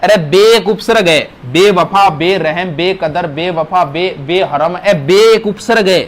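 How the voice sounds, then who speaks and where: A man's voice: high voice, unhurried. A male teacher, giving a grammar lesson to a class, asking questions and stressing words.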